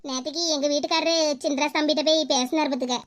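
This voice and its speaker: Woman voicing gentle motherly village auntie. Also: high-pitched, fairly even intonation, rapid-fire, voice pushed down, close to an everyday voice. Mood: gentle coaxing. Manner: soft, coaxing, motherly. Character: kindly middle-aged village woman, elder sister figure. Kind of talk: cartoon voice acting.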